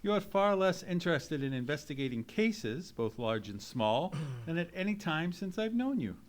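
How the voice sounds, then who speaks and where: A man's voice: fairly high pitch, sing-song, normal speed. A man playing a genteel, courteous doctor and loyal companion in an old-time radio mystery, speaking in formal Victorian phrases. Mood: puzzled, concerned. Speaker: narrator and actor in a live radio play. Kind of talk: old-time radio drama acting, storytelling. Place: live performance in a theatre.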